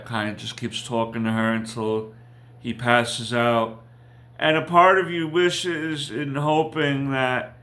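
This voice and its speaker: A man's voice: mid-range voice, sharp tone. A man hosting a casual TV episode review, rambling and correcting himself as he recaps. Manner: rambling, slow, with frequent fillers and self-corrections. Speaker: TV review host.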